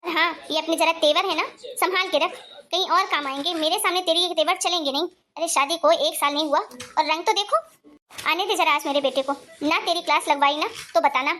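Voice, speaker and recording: A woman's voice: very high-pitched, fairly quick, pushed and bright, a little hiss or hum. Woman voicing a scolding cartoon grandmother. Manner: scolding, taunting, bossy. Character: sharp-tongued grandmother, scolding mother-in-law. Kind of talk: cartoon story voice acting.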